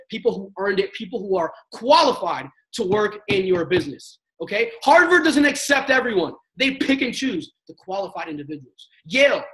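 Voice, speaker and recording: Captured on a low-quality recording, a young man with a high-pitched, fairly bright voice speaks as a network marketing panelist. His motivational training talk on the sales panel is casual and slangy, with emphatic coaching and acted-out sample chats.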